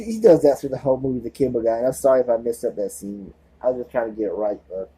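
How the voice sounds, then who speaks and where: A man's voice: mid-range voice, dark tone, breathy edge, low-quality recording. A man with a lisp giving a casual movie review, rambling and often losing track and starting over.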